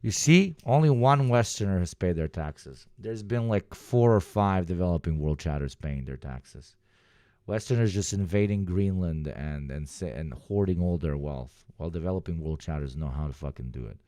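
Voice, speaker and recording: A man's voice: sits low, animated, normal speed, mellow, no room sound, studio quality. A man hosting a livestream, chatting casually and giving sardonic, rambling political commentary with sweary asides. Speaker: livestream host.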